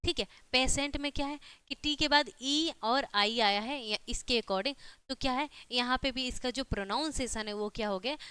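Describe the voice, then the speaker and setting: A teacher gives an online exam-prep lesson, explaining each rule step by step and checking in with her students again and again. She often repeats "ठीक है" and asks rhetorical questions. Her very clear, bright voice sits slightly higher than usual, recorded close and dry with no echo.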